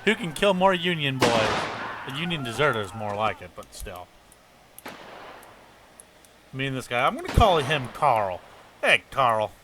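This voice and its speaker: A man giving excitable, casual commentary while playing a game, often chuckling to himself, with a noisy recording. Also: mid-range voice, moderate pace, long pauses. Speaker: gameplay commentator. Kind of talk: casual let's-play commentary.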